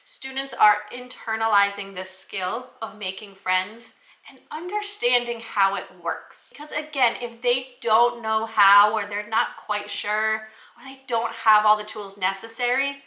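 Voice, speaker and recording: This educator's slightly high voice sounds pushed and bright, and she talks unhurriedly with few pauses. She's giving an informal, explanatory talk about books to use in the classroom, and the audio is reverberant.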